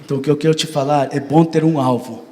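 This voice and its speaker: A man from Brazil preaches a sermon in a fairly high voice. His long hall echo hangs around every phrase. He is animated and acts out dialogue in his stories. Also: fast. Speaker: pastor. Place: church hall. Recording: long church hall reverb.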